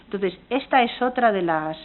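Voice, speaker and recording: A woman's voice: medium pitch, expressive, normal speed. Earnest Spanish woman lecturing, tinny audio. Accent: Spanish from Spain. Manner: earnest, engaged, frequent restarts and self-corrections. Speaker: university lecturer. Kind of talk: academic conference talk.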